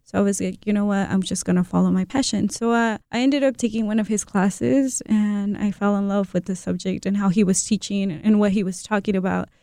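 Chatty young woman student, smooth voice. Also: mid-range voice, steady tone, fairly quick, few pauses, warm tone, no echo, clean studio sound. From Mexico. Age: young adult. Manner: chatty, laughing, quotes herself. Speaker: student guest. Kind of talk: casual interview answers.

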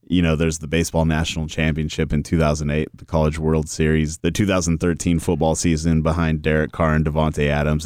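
A man's voice: extremely low pitch, a little mellow, clean tone, no room sound, studio quality. A man hosting an interview, asking enthusiastic, admiring questions. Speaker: interviewer, radio host.

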